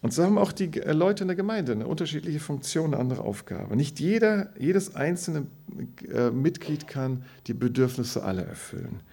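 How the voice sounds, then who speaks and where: A man's voice: a little high, big pitch swings, normal speed, vocal fry, dark tone, slightly rough. A man who is a pastor, preaching a sermon and telling stories about himself with self-mocking humor.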